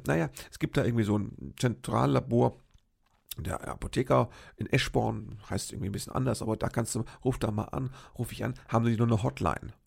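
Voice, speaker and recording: An older man hosts a podcast and tells a meandering story in a chatty, conversational way, often checking in with his listeners. His voice is strongly gravelly and husky, and he keeps it sounding like a friendly chat. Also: on the low side, a little mellow. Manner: chatty, rambling, addresses listeners directly with "ne?". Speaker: podcast host. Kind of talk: casual storytelling monologue.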